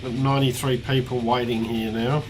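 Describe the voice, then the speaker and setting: An Australian man thinking aloud as he plays a strategy game, counting quietly under his breath, his voice worn and starting to go. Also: mid-range voice, little pitch movement, moderate pace, background noise. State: losing his voice. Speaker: let's play host. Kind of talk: casual gameplay commentary.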